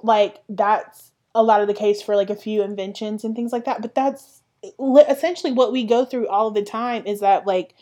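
A woman's voice: medium pitch, steady tone, moderate pace, mellow. A young woman hosting her own podcast, talking through casual solo commentary with emphatic, sassy asides. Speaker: podcast host.

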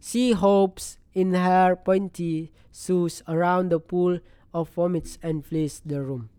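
Slow halting reader. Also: medium pitch, fairly even intonation, mellow, clean tone, dry recording. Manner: slow, halting reading with restarts. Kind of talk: reading a novel aloud.

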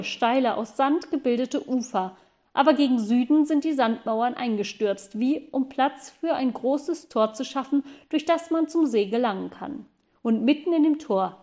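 A woman reads a children's storybook aloud in a calm, steady way, her voice sitting a little high. She keeps an even storytelling pace from one sentence to the next. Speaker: narrator. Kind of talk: audiobook storytelling.

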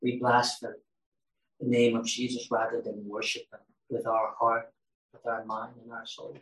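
Speaking at normal speed in a flat, mid-range voice that's a bit bright, a pastor preaches while asking his congregation questions. The recording has a roomy echo from a mic placed at a distance.

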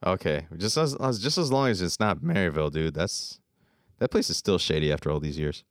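A man's voice: low-pitched, animated, fairly quick, no echo, clean studio sound. A young man co-hosting a podcast, easygoing and slangy, often trailing off mid-thought. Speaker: podcast co-host. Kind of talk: casual chat.

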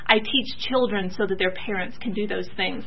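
Soft-spoken woman with many fillers. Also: medium pitch, moderate pace, lo-fi sound, a little hiss or hum. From Georgia, US. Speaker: mission teacher speaking at church. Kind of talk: church talk.

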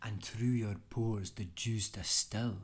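A man's voice: on the low side, fairly even intonation, takes it slowly. An Irish man putting on a Scottish accent to recite old Scottish verse in a theatrical, rolling delivery. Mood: declaiming. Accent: put-on Scottish. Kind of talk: poetry recital.

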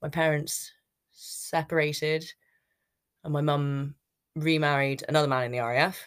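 A woman's voice: deep voice, little pitch movement, normal speed, smooth. A British woman in her thirties hosting a podcast, telling her own story in a casual, unscripted, rambling way. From United Kingdom. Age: 30s. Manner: rambling, chatty, self-interrupting. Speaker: podcast host.

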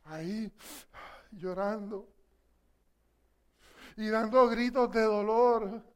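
A woman preaching a sermon with passion, swinging between hushed questions and loud, emphatic passages. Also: medium pitch, fairly even intonation, drawn-out words, highs cut off.

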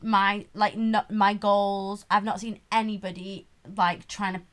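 A woman in her twenties co-hosts a podcast, chatting casually, laughing a lot and filling her speech with "like." Her voice is medium in pitch, level in tone, and a little slow.

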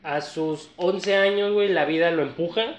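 A man with a northern Mexican accent telling a story in casual chat, relaxed and slangy, with many fillers. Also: sits high, moderate pace. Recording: echoey room, slightly dull sound.

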